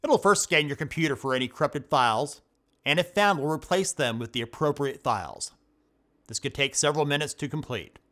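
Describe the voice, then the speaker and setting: A man hosting a computer help tutorial, reading scripted step-by-step instructions in a steady voice-over. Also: a little high, fairly quick. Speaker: tech tutorial host. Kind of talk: scripted screen-recording voice-over.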